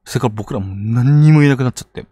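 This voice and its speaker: A man narrating ghost stories on a live stream, dramatic, with hushed lows and sudden outbursts. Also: rapid-fire, breathy edge. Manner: dramatic telling, hushed low asides rising to sudden outbursts. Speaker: ghost story teller.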